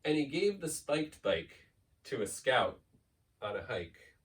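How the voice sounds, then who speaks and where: Big pitch swings mark this slow, medium-pitched read-aloud of a children's picture book by a man on school staff. He performs it playfully, stretching key words and racing through long lists, recorded from a distance.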